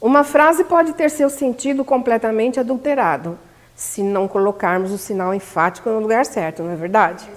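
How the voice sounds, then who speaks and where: Animated Brazilian woman teaching in a hall. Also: fairly high pitch, normal speed. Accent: Brazilian Portuguese. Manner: lively, emphatic, asks the audience questions. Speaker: lecturer at a spiritist center seminar. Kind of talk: teaching a public speaking course. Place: community hall. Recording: long hall reverb.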